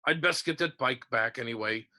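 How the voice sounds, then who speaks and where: A man reading as Hagrid, a big rough-spoken giant. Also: mid-range voice, normal speed, sharp tone. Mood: earnest. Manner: plain country speech, tearful. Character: huge soft-hearted male giant, rough-spoken.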